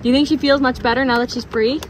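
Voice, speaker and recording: A young woman, a parent, unboxing toys with a toddler outdoors, talking in an animated, encouraging way with frequent gasps. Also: sits high, fast. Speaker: parent and channel host. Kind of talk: casual toy unboxing with a toddler. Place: outdoors on a gravel patio by a fence. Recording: outdoor traffic noise.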